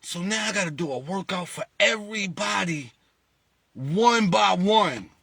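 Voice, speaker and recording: A man with a high, creaky voice and a breathy edge talks a little slowly to his lottery group followers. The recording is dry. He's casual but animated, asking rhetorical questions and mimicking callers.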